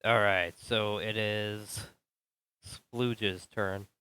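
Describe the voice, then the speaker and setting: Colorado firefighter, man, low and smooth, talks slow and thoughtful. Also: fairly even intonation, sharp tone. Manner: thoughtful, hesitant with fillers. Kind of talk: casual book club chat.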